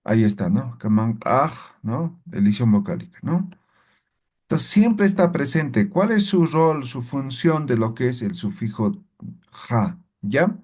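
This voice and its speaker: A man's voice: mid-range voice, very animated, a little slow, a little mellow. A man teaching a language class, explaining step by step and checking in with frequent tag questions. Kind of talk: classroom lesson.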